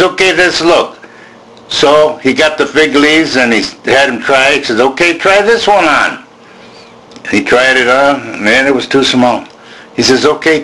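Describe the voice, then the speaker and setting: A man with a fairly high, forceful voice spins smutty jokes. He tells them in a folksy, colloquial way, repeating phrases and acting out the dialogue as he goes. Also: poor audio. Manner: smutty, bawdy joking. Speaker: joke teller. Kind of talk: telling dirty jokes, drawn-out storytelling with acted dialogue.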